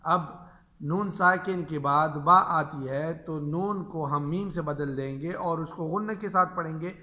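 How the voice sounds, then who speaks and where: A man gives a lesson on Quran reading rules in a patient, repetitive teaching manner. His voice is bright and forward, pitched a little high for a man. He slows right down and drawls the examples letter by letter. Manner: patient, repeats each rule and drawls examples slowly. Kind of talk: explaining tajweed rules to teachers.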